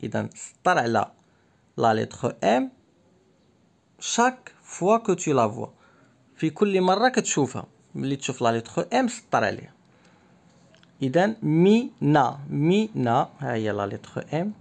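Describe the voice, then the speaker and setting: Working through a workbook with young children, a male teacher says each word two times in a slow, clear way, then repeats the instructions in Arabic. He sounds sing-song, with a voice on the high side.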